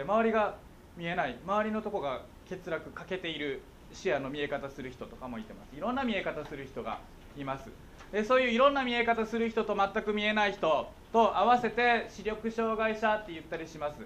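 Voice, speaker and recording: Lively, playful Kansai-accented man. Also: sits high, fairly quick, a little hiss or hum. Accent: Kansai Japanese. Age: middle-aged. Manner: playful, jokey, keeps checking understanding. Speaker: guest speaker on visual impairment. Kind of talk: talk to schoolchildren.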